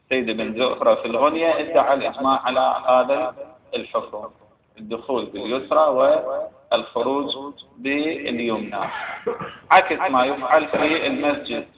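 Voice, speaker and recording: A man's voice: medium pitch, normal speed, long pauses. A man with an Iraqi accent giving a seminary lecture, reading passages aloud and explaining them with frequent hesitations. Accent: Iraqi Arabic. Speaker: religious studies teacher. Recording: phone-like echoey recording with crowd.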